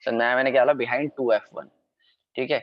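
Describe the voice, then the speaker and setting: A man's voice: medium pitch, steady tone, dry recording, lo-fi sound. A man giving a recorded science lesson to school students. He keeps checking whether they understood and corrects his own slips as he goes. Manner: repeatedly checks understanding, quick self-corrections. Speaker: science teacher. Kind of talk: recorded revision lecture.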